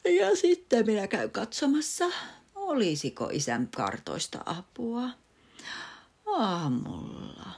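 A woman voicing a sleepy, earnest little boy rabbit in a storybook, talking in a hushed, half-whispered way. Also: on the high side, very animated, vocal fry, slightly rough, pitched above the performer's own voice, exaggerated voice. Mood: drowsy.

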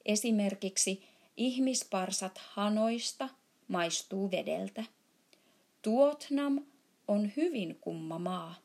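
A woman voicing a big, friendly, muddled male giant who mangles his grammar and shouts now and then in a storybook reading. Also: close to an everyday voice. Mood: booming muddled. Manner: jumbled grammar, booming shouts.

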